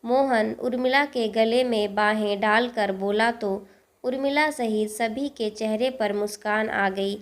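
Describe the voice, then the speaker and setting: A woman narrating a family story in a gentle, unhurried storytelling manner. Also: fairly high pitch. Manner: slow, gentle storytelling, reading all characters in her own voice.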